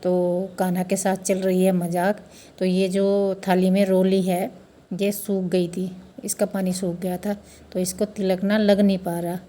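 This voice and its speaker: A woman's voice: mid-range voice, flat delivery, measured pace, warm tone. A woman chatting to viewers in a casual family vlog, explaining household customs step by step. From India. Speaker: family vlogger. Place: family home during a festival.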